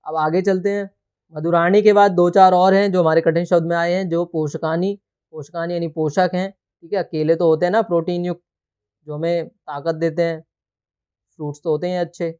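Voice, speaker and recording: A man's voice: fairly high pitch, little pitch movement, a little mellow, smooth. A man teaching a textbook lesson, explaining words one by one and checking in often with "theek hai". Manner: explains terms slowly word by word.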